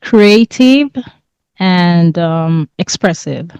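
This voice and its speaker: A woman born in England and raised in Nigeria, a podcast guest talking in a relaxed, thoughtful way and laughing easily. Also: lowish voice, extremely slow, clean tone, dry recording, lo-fi sound. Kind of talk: casual interview.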